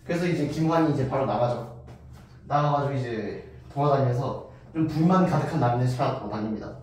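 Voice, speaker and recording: A man's voice: mid-range voice, brisk, darkish tone, slight background noise. A man giving a casual storytelling history lecture, chatty, acting out quotes along the way. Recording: very echoey room, voice from far off.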